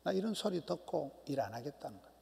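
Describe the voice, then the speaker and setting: A middle-aged man, a pastor, preaching a sermon emphatically, swinging from loud cries to hushed near-whispers. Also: on the high side, big pitch swings, fast talker, vocal fry. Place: church sanctuary. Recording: long church hall reverb.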